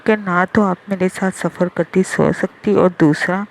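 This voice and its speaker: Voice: mid-range voice, fairly even intonation, a little slow, gravelly, poor audio. A reader voicing a brash, possessive young man who teases and turns to threats. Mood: teasing. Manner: playful, possessive, flares into threats. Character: brash, teasing young male hero.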